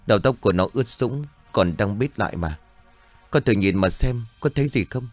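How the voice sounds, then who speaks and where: A man's voice: on the low side, animated, moderate pace, soft background music. Man putting on a frightened old village mother. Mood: anxious. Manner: trembling, wailing pleas.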